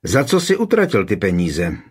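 Guy reading as a cold angry dad, short clipped questions, husky voice. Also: on the low side, wildly swooping pitch, darkish tone, heavily acted. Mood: stern. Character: stern middle-aged father, cold and angry.

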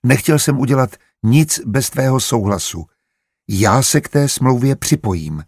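A male narrator voicing a patient, calculating merchant who speaks calmly and firmly. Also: medium pitch, slightly rough, no echo, clean studio sound. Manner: calm and measured.

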